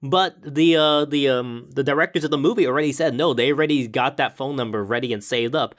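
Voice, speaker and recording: Dude on a movie podcast, easygoing, kinda halting, restarts a lot. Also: male voice, mid-range voice, a bit bright. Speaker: podcast co-host. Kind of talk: casual film discussion podcast.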